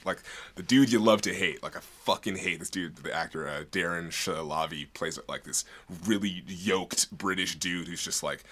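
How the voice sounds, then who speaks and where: A man's voice: low-pitched, normal speed, a bit bright. A man co-hosting a podcast, discussing film in a casual, rambling way full of "like". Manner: rambling, peppered with "like". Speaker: podcast co-host.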